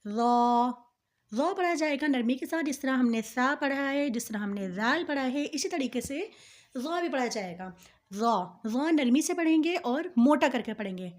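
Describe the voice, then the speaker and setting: A woman Quran teacher giving a patient lesson on letter sounds, drawing each letter out slowly and repeating every point. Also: high voice, lively intonation. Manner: slow drawn-out letter recitation between explanations.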